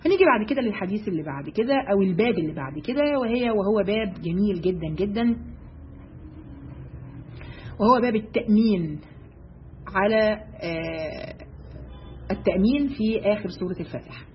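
A woman with an Egyptian accent giving a religious lesson to women, briskly asking her listeners rhetorical questions. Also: medium pitch, animated, slight background noise. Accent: Egyptian Arabic. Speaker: religious teacher. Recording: dull lo-fi recording.

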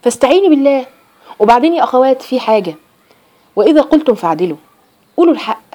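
A woman's voice: high voice, very animated, rapid-fire, mellow. A middle-aged woman with an Egyptian Arabic accent, a Quran teacher giving an emphatic religious talk to women and repeating phrases for stress.

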